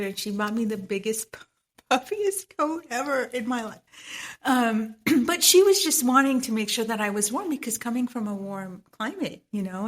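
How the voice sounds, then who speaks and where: A woman from Trinidad with a Trinidadian accent, speaking as a guest on a podcast, reflective and often laughing. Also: fairly high pitch. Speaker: guest, medical esthetician. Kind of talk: podcast interview.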